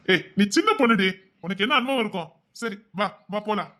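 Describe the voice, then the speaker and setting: An actor playing a devoted husband who gently and insistently coaxes his wife, repeating himself as he pleads. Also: high-pitched, animated, moderate pace. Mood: pleading. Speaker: husband in a drama series. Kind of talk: emotional drama acting.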